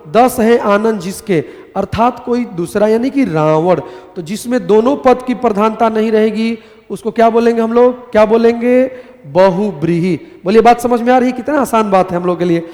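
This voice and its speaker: A man's voice: high voice, in a large hall. A man teaching grammar in a live class, telling little stories and asking questions that he answers himself. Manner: animated storytelling, asks and answers his own questions.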